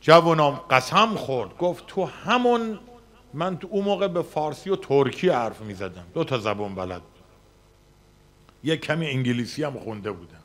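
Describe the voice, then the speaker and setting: A male cleric telling a personal story in a sermon, with dramatic shifts between soft passages and loud emphasis. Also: medium pitch, animated. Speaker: cleric preaching. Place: religious community hall.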